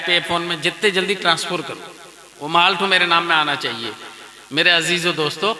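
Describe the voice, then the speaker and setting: Animated preacher guy at a wedding, high sharp voice, lots of echo. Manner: animated, addresses the crowd as dear friends. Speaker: Islamic preacher. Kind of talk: storytelling sermon. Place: wedding gathering.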